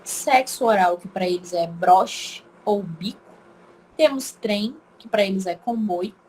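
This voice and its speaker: A woman's voice: medium pitch, unhurried, a little mellow, slight background noise, low-quality recording. A Brazilian woman with an Acre accent teaching an informal online language lesson, chatty and emphatic, repeating words aloud to show how they are said. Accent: Brazilian Portuguese, Acre.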